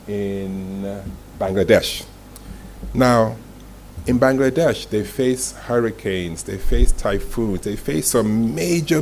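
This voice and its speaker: A man with a lowish, darkish voice, a communications executive, presents a motivational masterclass to a live audience. He tells stories emphatically in short, dramatic phrases, throwing in rhetorical questions. The live room recording is clearly noisy.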